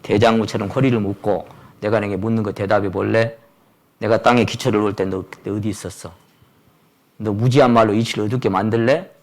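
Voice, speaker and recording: A man preaching who voices God speaking to Job, first softly apologizing, then sternly questioning. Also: on the low side, fairly even intonation, fairly quick, pitched below the performer's own voice, close to an everyday voice. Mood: stern, challenging. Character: God speaking to Job, elderly male deity.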